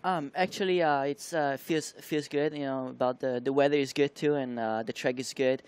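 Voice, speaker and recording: Young halting man with a smooth voice. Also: mid-range voice, fairly even intonation, darkish tone. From Taiwan. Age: young adult. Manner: halting, searching for words with many fillers. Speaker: motocross rider guest. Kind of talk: studio interview answers. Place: TV studio.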